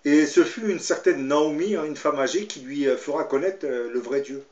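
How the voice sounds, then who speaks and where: A man's voice: a little high, moderate pace, darkish tone. Hesitant man, roomy dull recording. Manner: hesitant, full of fillers and tag questions. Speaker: commentator and Bible reader. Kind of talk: spoken commentary and Bible storytelling. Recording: roomy, slightly dull sound.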